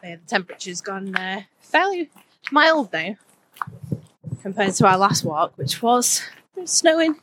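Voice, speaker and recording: A woman's voice: medium pitch, sing-song, a little slow, fairly bright tone, slight background noise, rough recording. A woman chatting casually on an outdoor walk, teasing and blunt in an easygoing way. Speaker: co-host.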